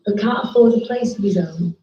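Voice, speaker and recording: A woman reads documentary narration in a calm, factual way. Her voice is mellow and dark, with a roomy echo around it. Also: mid-range voice, brisk, muffled recording. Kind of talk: scripted narration.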